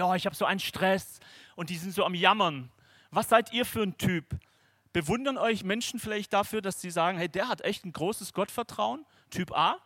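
High-voiced lively male preacher. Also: no echo, studio quality. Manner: lively, acts out inner voices and dialogue. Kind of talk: sermon at a camp.

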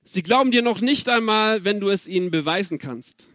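A man's voice: high-pitched, animated, moderate pace, a bit bright, dry recording, clean studio sound. A man in his thirties giving an earnest, personal sermon and speaking straight to his listeners. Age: 30s. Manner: earnest, personal, addressing the audience directly. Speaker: preacher.

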